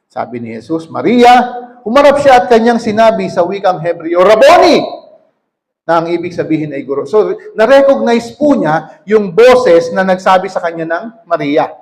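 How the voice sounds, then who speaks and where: A man's voice: high voice, sing-song, normal speed, a little mellow. A man preaching, reading scripture verses aloud and then explaining them to his congregation, often checking in with "okay?".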